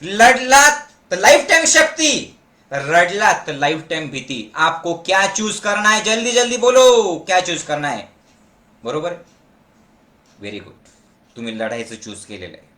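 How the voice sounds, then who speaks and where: A man leading a motivational meditation camp, forcefully urging his listeners to shout back, mixing in Hindi and English phrases. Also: high-pitched, sing-song, measured pace. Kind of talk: motivational speech to an audience. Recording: echoey room.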